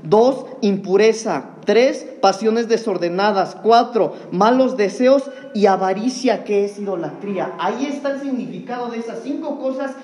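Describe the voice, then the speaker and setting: A man's voice: high-pitched, normal speed, hardly any pauses, a little mellow. A man preaching an earnest sermon, addressing the congregation as brothers.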